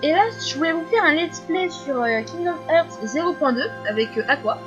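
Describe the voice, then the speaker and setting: A fifteen-year-old girl answering viewer questions in a casual vlog, talking fast with many fillers and frequent giggles. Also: sits high, lively intonation, dull audio, over music. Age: teens.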